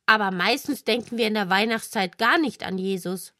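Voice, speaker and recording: A woman's voice: medium pitch, moderate pace, pushed and bright, no room sound, studio quality, close to an everyday voice. A woman voicing a hot-tempered young boy worm in a children's audio drama, talking earnestly. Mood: thoughtful.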